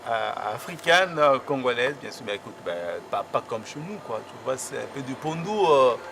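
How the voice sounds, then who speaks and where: Hesitant man with a lively voice. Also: medium pitch, normal speed. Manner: hesitant, many fillers. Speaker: friend in conversation. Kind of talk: casual chat. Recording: audible background noise.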